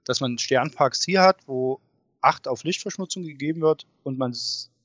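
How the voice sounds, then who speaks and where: A man talks casually and with enthusiasm as an interview guest. His pitch is average. The recording is a little dull and muffled. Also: normal speed, fairly bright tone. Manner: enthusiastic, informal. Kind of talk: casual chat. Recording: dull, muffled sound with room echo.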